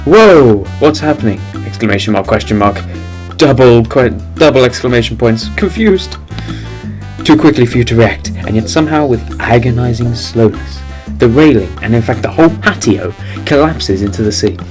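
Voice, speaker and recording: A man's voice: mid-range voice, fairly quick, few pauses, faint music behind. A man reading a game's text aloud and joking about it in wry asides. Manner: wry, laughs at the dark twists. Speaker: game streamer.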